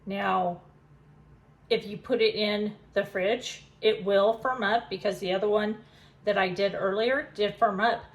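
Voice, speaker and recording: A woman's voice: medium pitch, steady tone, a little slow. A woman chatting and giggling through a casual home kitchen cooking demo, a bit self-deprecating.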